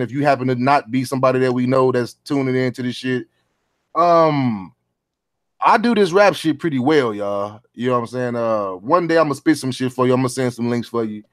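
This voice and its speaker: A middle-aged man hosting a casual round table chat, talking in laid-back, profane street slang. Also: on the high side. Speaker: podcast host.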